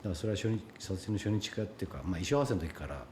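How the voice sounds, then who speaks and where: Deep-voiced man, reflective and hesitant. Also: lively intonation, very fast, noisy background. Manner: hesitant, reflective, many fillers. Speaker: actor interviewed about his film. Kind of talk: casual interview answers.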